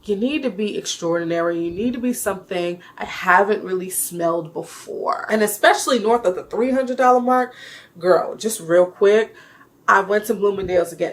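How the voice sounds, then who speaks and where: A woman's voice: fairly low pitch, rough recording. Chatty woman gushing over perfumes. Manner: chatty and emphatic, calls viewers y'all, laughs often. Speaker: beauty vlogger reviewing perfumes. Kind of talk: casual chat to camera.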